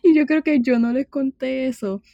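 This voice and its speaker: A young woman with a Puerto Rican accent telling a story in casual chat, animated and full of slang. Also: sits high, normal speed, creaky, dry recording, lo-fi sound.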